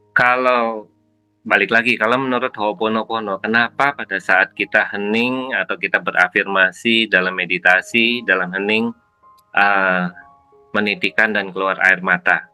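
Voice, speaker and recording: A man talks through a spiritual cleansing practice in an unhurried, teacherly way, circling back to repeat his key phrases. His voice is very bright and clear in tone. Soft music sits faintly underneath. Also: fairly low pitch. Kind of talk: explanatory spiritual talk.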